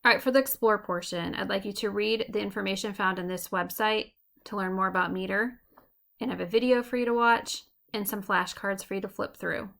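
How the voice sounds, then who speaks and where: A woman teacher giving a recorded lesson, explaining clearly and slowing down to tap out rhythms. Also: medium pitch, steady tone, a bit bright.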